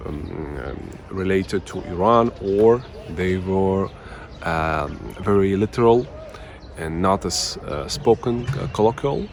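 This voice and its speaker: With a fairly low, slightly mellow voice and slight background noise, a channel host who teaches languages shares a personal story on camera. He's from Uzbekistan, speaks Russian as his first language, and comes across hesitant, with many fillers and restarts.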